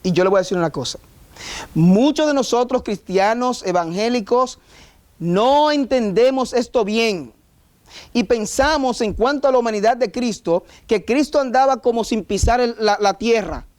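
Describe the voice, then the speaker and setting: A man's voice: extremely high pitch, animated, normal speed, darkish tone. A man preaching a sermon as pastor, emphatic and full of rhetorical questions. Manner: emphatic, rhetorical questions, mock voices of objectors.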